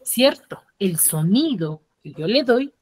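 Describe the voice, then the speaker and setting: A woman teacher from the highlands, giving an online class and checking in with her students through frequent tag questions. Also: very animated, slow pace, darkish tone, breathy edge. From Peruvian highlands.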